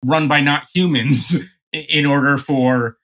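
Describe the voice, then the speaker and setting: A man hosting a casual podcast chat, easygoing and full of quick questions. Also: a little high, fairly even intonation, a bit bright. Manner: easygoing, quick questions, laughs between lines. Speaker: podcast host.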